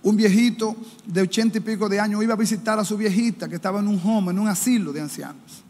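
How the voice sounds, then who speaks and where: A man with a Dominican Spanish accent preaching a sermon as pastor, impassioned, mimicking the people he quotes in higher, louder voices. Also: quick pace. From Dominican Republic. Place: church. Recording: reverberant church hall, faint ambience.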